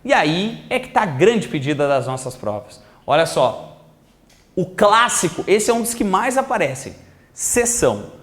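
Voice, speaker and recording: Male teacher, video lesson, lively and high, drawls key words. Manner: lively, stretches words slowly for emphasis.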